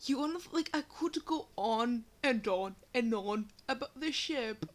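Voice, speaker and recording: A woman's voice: fairly high pitch, expressive, unhurried. A woman ranting in a fan vlog, exasperated and swearing, with many fillers and a cracking voice. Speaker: fan commentator.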